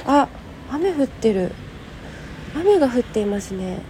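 A woman with a hoarse, gravelly just-woken voice, hosting a casual solo audio diary in a polite, rambling way, thinking aloud. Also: a little high, big pitch swings, a little slow, mellow, a little hiss or hum, low-quality recording. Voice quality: gravelly, croaky morning voice. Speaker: host of a personal audio show and tea and clay teacher. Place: at home. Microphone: smartphone.

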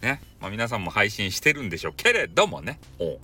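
A man's voice: fairly low pitch, sing-song, quick pace, bright, forceful tone, slightly rough, soft background music. A man with a Hakata dialect, chatting casually and jokingly as the host of a solo podcast. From Fukuoka, Japan. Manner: chatty, jokey, mixes dialect into polite speech.

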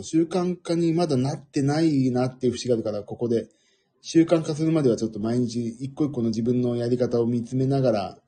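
A middle-aged man with a husky voice hosting a casual, rambling audio stream in a self-deprecating manner. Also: mid-range voice, mellow. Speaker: audio livestream host.

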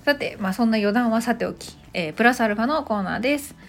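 Lively-voiced woman teaching English casually. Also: on the high side, soft background music. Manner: chatty, explains slowly with many fillers. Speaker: English teacher and podcast host. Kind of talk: casual spoken English lesson.

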